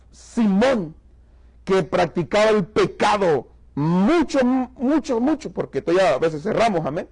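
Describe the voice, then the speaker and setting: A man's voice: high-pitched, creaky, low-quality recording. A man from Mexico preaching to a church congregation, giving an emphatic testimony and calling the listeners brother. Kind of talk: sermon testimony.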